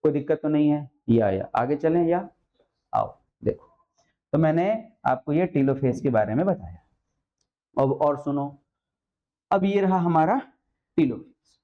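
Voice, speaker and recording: A man's voice: fairly high pitch, animated, measured pace, pauses often, muffled recording. A male biology teacher giving a classroom lecture, coaxing and constantly quizzing his students with questions. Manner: calls students "beta" and "mere lal".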